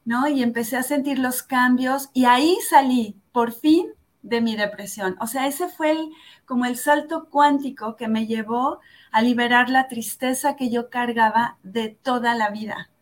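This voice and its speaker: A woman, a yoga instructor telling her story in an interview, earnest and reflective, often tagging her phrases with "¿no?". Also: fairly high pitch. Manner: earnest and reflective, tags phrases with "¿no?", slows down for emphasis. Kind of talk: personal testimony in an interview.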